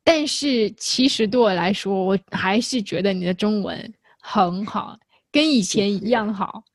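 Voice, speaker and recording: A woman's voice: mid-range voice, unhurried, no echo. Young woman hosting a chat, dry sound. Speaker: interviewer, host. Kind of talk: casual conversational interview.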